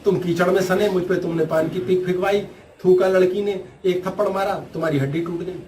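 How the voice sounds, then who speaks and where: A man voicing a calm, unbothered holy man who speaks gently and without hurry. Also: sits high, echoey room, far from the mic, slight background noise, natural voice. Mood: patient. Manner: gentle, unhurried, forgiving.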